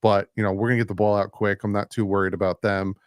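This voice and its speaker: A man appearing as a guest on a sports podcast, laying out his predictions in a measured, laid-back way. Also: fairly low pitch, flat delivery, no echo, clean studio sound. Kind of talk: casual sports chat.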